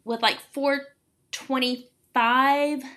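A woman's voice: high voice, fairly even intonation, drawn-out words, pushed and bright. A woman in her late forties, hosting a casual fitness podcast as an encouraging, emphatic coach. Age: late 40s. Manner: encouraging, emphatic, repeats words for stress. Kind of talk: casual explanatory podcast talk.

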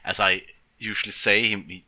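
A man with a lowish but strikingly bright, forceful voice chats casually as a podcast co-host. He feels his way through sentences, often starting them again. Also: level tone, brisk, lo-fi sound. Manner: hesitant, restarts and breaks up sentences. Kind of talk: casual film discussion.

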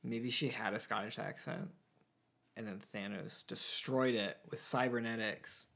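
A man talks through a film with his co-host in a loose, rambling way, dropping "like" into nearly every phrase. His voice sits at an ordinary middle pitch, and the talk stays relaxed and unscripted. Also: a little slow, gravelly. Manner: rambling, heavy on filler "like". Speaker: podcast co-host. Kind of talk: casual movie discussion.

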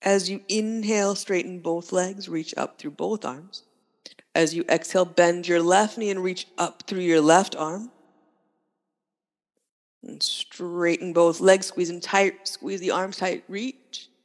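A low-voiced woman instructs a yoga class, giving calm, unhurried cues in short phrases at a very slow pace. A long, reverberant room echo trails her words.

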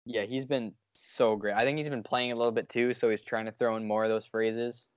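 A man of average pitch chats casually as a sports podcast co-host. His recording is dry, with hardly any room sound. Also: fairly even intonation, brisk, smooth, no room sound.

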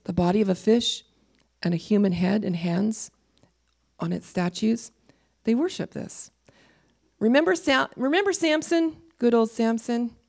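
A woman giving an informal Bible teaching, emphatic, reading scripture slowly and sometimes dropping to a whisper. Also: mid-range voice, vocal fry.

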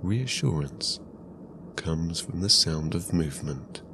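Man, sleep story narrator, very slow pace, calm, soothing, hushed, long pauses, noticeable rumbling ambience behind. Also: background noise.

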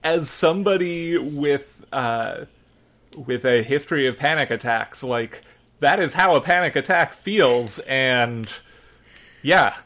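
A man reacting in casual chat, in a halting way. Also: mid-range voice, animated, fairly bright tone.

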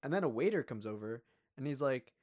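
Animated young man telling a story. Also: medium pitch, fast. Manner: animated, acts out quoted voices, many fillers. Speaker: podcast co-host. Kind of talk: casual storytelling.

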